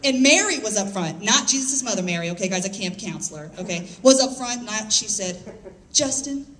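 A woman stand-up comic telling stories with animated voiced quotes on a club stage. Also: medium pitch, fairly quick, slight background noise. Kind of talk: stand-up comedy set. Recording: live club set, loud crowd laughter, mic distance.

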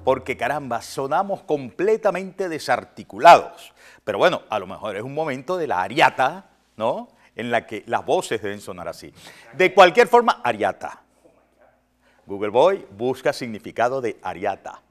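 A man's voice: mid-range voice, moderate pace. A man hosting a morning news talk show, commenting emphatically and stacking words for effect. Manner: animated, emphatic, piles up words.

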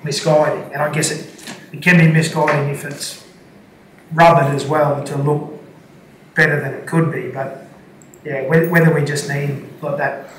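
A man speaks as a councillor in a flat, slightly high voice, stumbling and restarting as he works through his points. He sounds distant in an echoing council chamber with room noise behind him. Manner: halting, many restarts. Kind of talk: formal meeting discussion. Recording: echoey chamber, distant mic, noisy.

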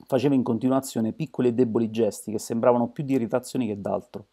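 A man reading an amateur audiobook in a steady, measured way. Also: mid-range voice, husky. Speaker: audiobook narrator.

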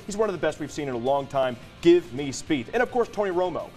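A man from Texas argues his side in a scripted TV sports debate with a slightly high voice. He talks assertively and keeps hammering his points home. Faint music plays underneath. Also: animated, quick pace, darkish tone. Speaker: TV sports co-host. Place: TV studio.

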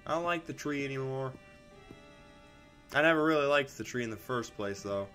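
A man's voice: mid-range voice, animated, moderate pace, sharp tone, faint music behind. A man commentating a video game as he plays, rambling and often restarting his sentences as he reacts to what happens on screen. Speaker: gamer. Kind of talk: let's play commentary.

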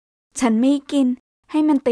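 A woman's voice: drawn-out words, a little mellow, dry recording, studio quality. A woman voicing a proud, hurt young woman who talks back in a strained, defiant way.

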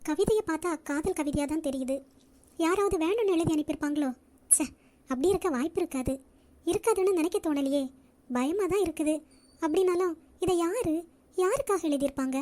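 A woman plays a sensitive young college woman in a cartoon who pleads her innocence in a very high voice. Her talk is anxious and earnest. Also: brisk, pauses often, mellow. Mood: wondering.

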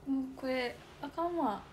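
Slow, giggly young Kansai woman. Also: sits high, slight background noise. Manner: giggly, thinking aloud while writing. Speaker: idol livestream host. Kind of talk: casual livestream chat.

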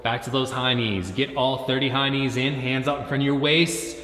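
Echoey, bright-voiced man coaching a workout. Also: medium pitch, fairly even intonation, moderate pace. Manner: urgent, commanding motivational gym-coach delivery. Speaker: fitness coach leading a timed home workout. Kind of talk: workout coaching, short cues and encouragement. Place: large indoor gym. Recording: echoey, reverberant gym hall.

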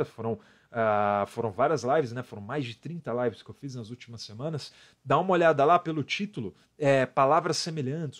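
A man with a Brazilian Portuguese accent teaching an English lesson live, talking with his viewers in a chatty way and reading their comments aloud. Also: mid-range voice. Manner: chatty, often ends phrases with "né?", lively emphasis on examples.

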